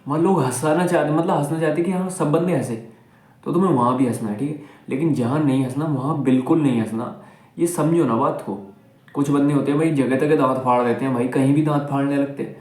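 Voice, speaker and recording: A man's voice: a little high, steady tone, fast, darkish tone. Young male host, blunt and preachy, seated and filmed on a camera mic in an echoey room. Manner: blunt, scolding, repeats "theek hai?" constantly. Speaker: self-improvement video host. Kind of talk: casual advice talk to camera. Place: indoors, seated while filming.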